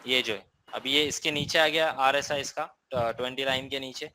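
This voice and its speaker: A man's voice: mid-range voice, steady tone, normal speed, sharp tone, slight background noise, rough recording. A man with an Indian accent teaching a live trading class, explaining casually and often checking in with listeners.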